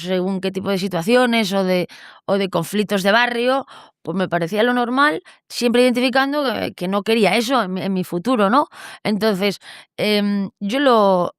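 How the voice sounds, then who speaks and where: A young woman talks through her answers in an interview, stopping often to rephrase. Her voice is smooth and clear. The sound is dry and close. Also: mid-range voice, no room sound. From Galicia, Spain. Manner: thoughtful, with frequent fillers and restarts. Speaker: interview guest. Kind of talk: conversational interview.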